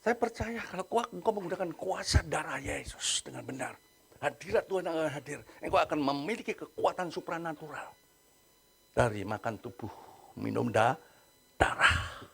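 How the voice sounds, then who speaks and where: Gravelly husky pastor guy with a lilt, higher voice, acts out the people in his story. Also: sing-song, moderate pace, a bit bright, slight background noise. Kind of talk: sermon.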